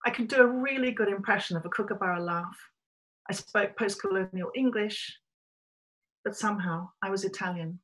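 A middle-aged Australian writer gives a prepared talk to camera from a small room using a webcam. Her storytelling is measured and reflective, and her medium-pitched voice is a bit bright. It's a low-quality recording.

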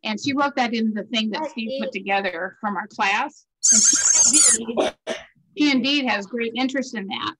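A woman in her sixties chatting on a video call at a class reunion gathering, telling family stories in a lively, talkative way. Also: a little high, normal speed, background noise. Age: 60s. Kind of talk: casual video call chat.

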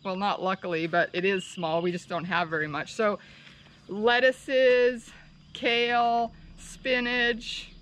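A woman's voice: mid-range voice, flat delivery, takes it slowly, a bit bright. A woman in her thirties, a farmer chatting casually for her vlog outdoors, rambling and laughing easily, picked up by a camera a few steps away. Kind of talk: casual chat. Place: outdoor farmyard. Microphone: camera mic from a few steps away.

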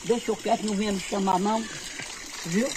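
A woman's voice: medium pitch, fairly even intonation, brisk. Older Northeastern Brazilian woman, grumbling, noisy recording. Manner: grumbling, blunt. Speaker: mother of the vlogger. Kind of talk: casual bickering chat. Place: outdoors in a rural yard. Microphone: phone camera a few steps away. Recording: noisy outdoors, off the phone mic.

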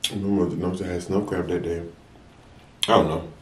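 A young American man, a mukbang vlogger, chats casually and in slang to his viewers between mouthfuls. His voice is deep and a bit bright, fairly quick, with fairly even intonation. The distant mic picks up roomy echo and slight background noise.

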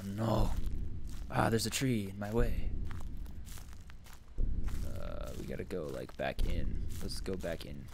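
A man's voice: on the low side, fairly bright tone, slight background noise. Jumpy, foul-mouthed man streaming a horror game. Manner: jumpy, swears often, talks to himself while playing. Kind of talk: live game commentary. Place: his own room.

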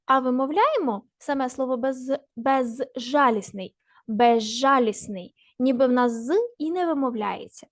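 A woman teacher giving a recorded grammar lesson to children, slowly and deliberately spelling out the parts of each word. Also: sits high, animated, no echo, studio quality.

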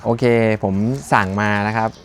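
A man's voice: normal speed, fairly bright tone, a little hiss or hum. A man chatting casually while unboxing running shoes, joking and thinking aloud with many fillers. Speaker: running shoe reviewer.

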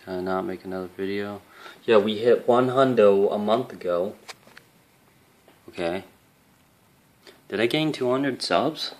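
This is a young man with a fairly low voice, talking straight to camera for his own gaming channel. He rambles in a loose, casual way, full of fillers and swearing, with an earnest, emotional tone as he thanks his viewers. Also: a little slow, long pauses. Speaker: YouTube gaming channel host.

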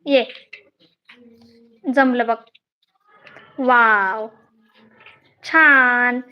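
High-voiced mother coaxing a toddler. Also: a little slow, lo-fi sound. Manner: gentle, coaxing and praising. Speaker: mother playing with her toddler. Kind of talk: live-streamed playtime talk with a small child.

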